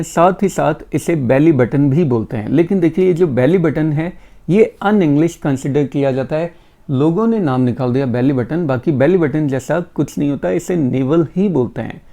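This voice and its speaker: Male English teacher, mellow and gravelly, patient word-by-word repetition. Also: fairly high pitch. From India. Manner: repeats each word slowly and patiently. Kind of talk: vocabulary lesson.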